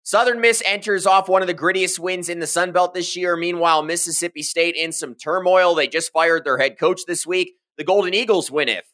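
A man co-hosting a college football podcast, steering segments and tossing in quick jokes. His voice sits a bit high and sounds bright and forward. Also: steady tone. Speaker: podcast co-host. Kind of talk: sports podcast chat.

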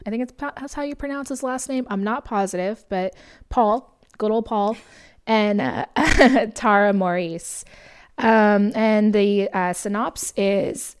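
In a clear, resonant mid-range voice at a measured pace, an American woman co-hosting a podcast rambles through a laid-back movie recap, filling it with fillers and laughter. Her voice is noticeably fading.

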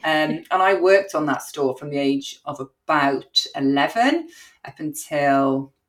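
A talkative podcast co-host from Cardiff, Wales, with a strong Welsh accent and a voice a little low for a woman, tells a story in a loose, chatty way. She's lively, laughs often, and fills her talk with ums and quick asides. The audio is poor.

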